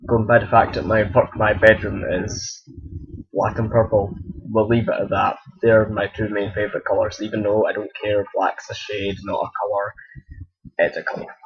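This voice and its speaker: Husky young Scottish man rambling. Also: lowish voice, little pitch movement, moderate pace. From Scotland. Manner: rambling, self-correcting, playful threats. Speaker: vlogger answering viewer questions. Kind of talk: casual chat. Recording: dull lo-fi home recording.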